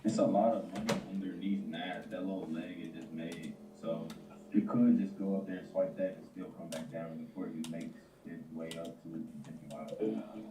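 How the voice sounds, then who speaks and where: A man on a live call as a day trader, calmly explaining his view of the market. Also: sits low, moderate pace, reverberant, distant mic, background noise. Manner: calm, explains his analysis. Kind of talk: casual chat over live trading.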